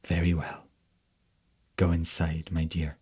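Storybook sorceress, female, cold and gloating, slow and soft-spoken, played by a male storyteller with a deep, husky voice. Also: monotone, full character voice. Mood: mocking.

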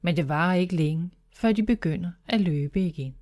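Woman narrator for a children's story, calm and clear, mellow voice. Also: lowish voice.

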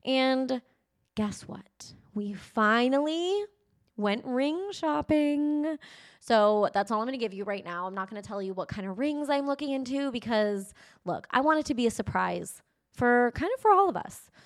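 A woman in her late twenties, a podcast host, telling a personal story in a chatty, animated way. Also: on the high side, brisk. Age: 20s. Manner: chatty, animated, addresses listeners as "you guys". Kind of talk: casual storytelling.

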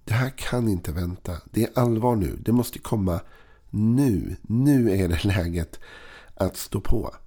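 Guy preaching, really low voice, kinda husky, earnest and slow. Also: dark tone. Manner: earnest, slow emphatic phrasing with occasional chuckles. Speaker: preacher giving a daily devotional. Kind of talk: devotional talk.

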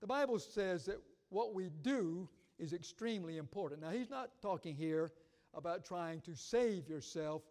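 A man's voice: high-pitched, lively intonation, moderate pace. Preaching man in a reverberant hall. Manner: preaching, swelling louder on scripture readings. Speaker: pastor. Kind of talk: sermon.

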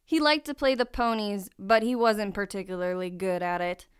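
A woman's voice: medium pitch, fairly even intonation, normal speed, smooth, natural voice. An actress playing a grown woman crook who poses as a little girl, with a hard-boiled, sneering manner.

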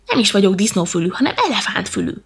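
A woman's voice: mid-range voice, animated, vocal fry, breathy edge. A woman doing a chatty little elephant. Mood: easygoing. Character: good-natured, hungry little male elephant.

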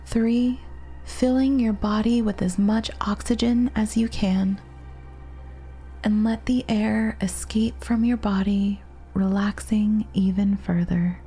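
A woman leads a relaxation meditation over background music, her voice soft, mellow and breathy at a medium pitch with a steady tone. She speaks gently and soothingly, leaving long pauses between phrases.

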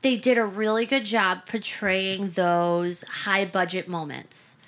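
A woman's voice: medium pitch, steady tone, takes it slowly, a bit bright. A woman co-hosting a casual film podcast, talking animatedly and acting out movie lines. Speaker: podcast co-host.

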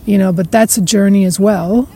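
In an unhurried, contemplative spiritual monologue, this podcast host talks in a medium-pitched voice with fairly even intonation. Her musings drift along with gentle laughter and phrases that she repeats and lets fade.

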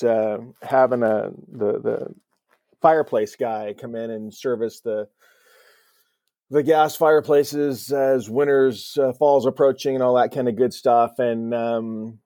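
A man chats casually as a podcast co-host, with noticeable vocal fry. He speaks slowly and likes to repeat a phrase for emphasis. The recording is close and dry. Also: mid-range voice, steady tone, mellow, dry recording. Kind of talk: casual banter.

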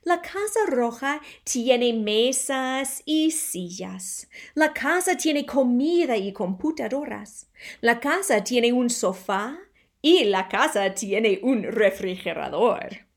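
A woman reading a children's storybook aloud for language learners, slowly and expressively. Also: a little high. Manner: slow, carefully spelled-out, expressive reading.

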